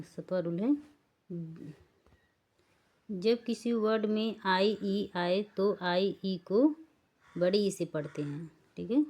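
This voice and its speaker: Slow-paced woman teaching phonics. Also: mid-range voice, warm tone. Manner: spells out letters and asks rhetorical checks. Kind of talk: slow spelling-rule lesson.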